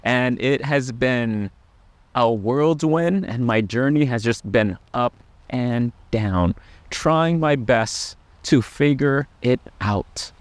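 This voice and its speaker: A middle-aged man, a Buddhist monk, speaking to camera in a gentle, earnest way. He talks very slowly, leaving pauses between thoughts, at an ordinary pitch for a man. The sound is dry and close, with no room echo. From Laos. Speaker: Buddhist monk sharing life lessons. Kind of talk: personal reflective talk to camera.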